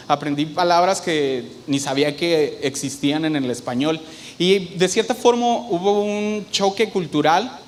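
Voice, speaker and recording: A young man from Mexico, preaching a sermon in a conversational way and often putting questions to the congregation. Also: high-pitched. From northern Mexico.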